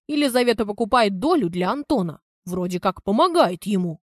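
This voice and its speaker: A woman's voice: mid-range voice, lively intonation, a little fast, no echo, studio quality, lightly acted. A woman reading an audiobook, voicing an unfaithful older husband who blusters. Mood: defensive. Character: unfaithful older husband, defensive then yelling.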